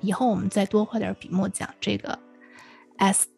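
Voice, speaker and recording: A woman's voice: medium pitch, flat delivery, normal speed, gravelly, darkish tone, slightly rough, soft background music. A woman co-hosting an English lesson in Mandarin, asking questions and retelling her own mistakes with animation. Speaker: co-host. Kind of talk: casual hosted chat.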